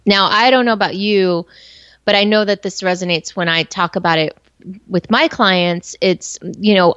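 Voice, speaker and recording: A woman's voice: mid-range voice, a bit bright, no echo. Candid woman in her forties, muffled recording. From born in Colombia, raised in the United States. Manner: reflective, candid, with frequent fillers. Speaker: guest entrepreneur. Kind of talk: candid interview conversation. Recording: slightly muffled, dry recording.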